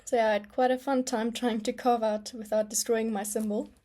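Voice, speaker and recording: A young adult artist vlogger, Afrikaans being her first language, drifts through casual talk about her art as she works at her desk stamping and sketching, um-ing and laughing lightly. Her brisk, mellow voice sits on the high side with a level tone.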